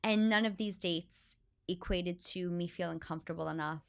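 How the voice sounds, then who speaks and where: Bronx woman, new york accent, comedian guest, loud and expressive, kinda low voice. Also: moderate pace, gravelly, clear, resonant tone. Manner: animated, talks with hands, loud and expressive. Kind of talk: casual interview chat.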